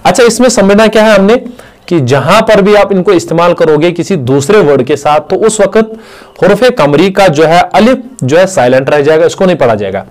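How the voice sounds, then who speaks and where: A man teaching an Arabic lesson, explaining step by step and repeating words and letters slowly for his students. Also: high voice, expressive. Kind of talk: classroom lecture.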